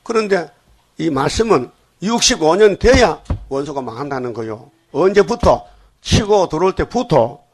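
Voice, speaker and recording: A man's voice: on the high side, slightly rough. An older man preaching a dawn sermon in a blunt Gyeongsang accent, often stopping to ask the congregation questions. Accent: Gyeongsang Korean. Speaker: pastor.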